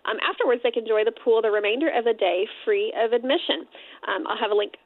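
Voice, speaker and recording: A woman's voice: on the high side, fast, dry recording, phone-quality sound. A woman giving money-saving tips in casual radio chat, chatty with frequent "um"s.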